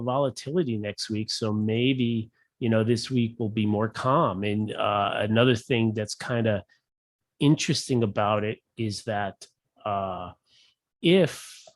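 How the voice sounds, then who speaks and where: A man hosting a casual market commentary show, talking in a rambling, halting way with many fillers and restarts. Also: medium pitch, dry recording.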